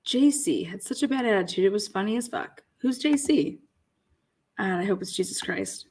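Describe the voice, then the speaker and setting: Female co-host, casual stream chat, animated delivery, laughs a lot, salty language. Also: mid-range voice, normal speed, slightly rough. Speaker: livestream co-host. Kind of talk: casual livestream chat reading viewer comments.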